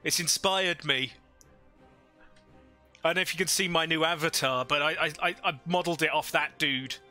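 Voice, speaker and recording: A man's voice: a little high, fairly even intonation, normal speed, bright, forceful tone, faint music behind. A man livestreaming a strategy game into a headset mic, thinking aloud and chatting with viewers. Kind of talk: casual live gameplay commentary.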